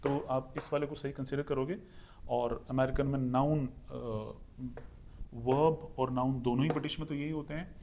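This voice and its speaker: This clip has slight background noise behind a young adult Indian man whose mid-range voice is a little mellow. Teaching English with an Indian accent, he goes through pronunciation for exam prep one step at a time, working through a question and saying his points again.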